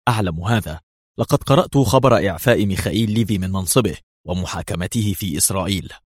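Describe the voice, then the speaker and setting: A man's voice: sits low, fast, slightly rough, no room sound, studio quality. A man voicing a fatherly senior male intelligence officer who speaks with kindly concern. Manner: eager, fatherly.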